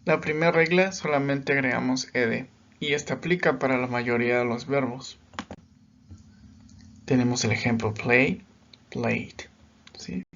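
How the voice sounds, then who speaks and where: A man's voice: medium pitch, fairly even intonation, measured pace, creaky, long pauses, fairly bright tone, lo-fi sound. A man teaching English grammar in a recorded lesson, patient and step by step, often checking in as he explains.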